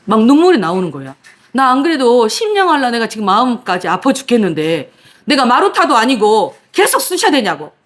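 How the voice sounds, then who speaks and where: A woman pastor preaching, telling a personal story in a lively, dramatic way, acting out her own past cries and protests. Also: fairly high pitch, brisk. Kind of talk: sermon with personal testimony.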